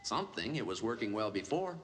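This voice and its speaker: Folksy older caretaker, low voice, noisy soundtrack. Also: male voice, big pitch swings, brisk. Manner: chatty, folksy. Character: chatty, easygoing older male caretaker. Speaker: building caretaker.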